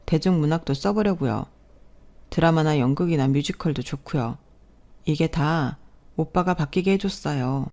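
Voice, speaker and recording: A woman voicing a stubborn young daughter in her twenties who insists in a raised, higher voice, in a narrated story drama. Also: moderate pace, a little mellow. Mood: insistent.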